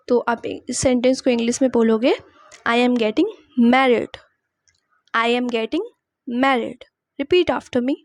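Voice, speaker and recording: A young woman teaching spoken English in Hindi, saying each English phrase slowly and asking listeners to repeat it. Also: high-pitched, darkish tone, no room sound. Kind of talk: Hindi-medium English lesson.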